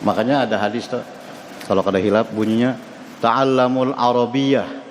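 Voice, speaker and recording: A man's voice: on the low side, fairly even intonation, fast, darkish tone. A Banjar-accented man teaching a mosque study circle, talking in a loose conversational way, quizzing his listeners and chuckling now and then. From South Kalimantan, Indonesia. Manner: conversational, asks the audience questions and chuckles. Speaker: religious teacher. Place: mosque hall. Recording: echoey hall recording with faint background noise.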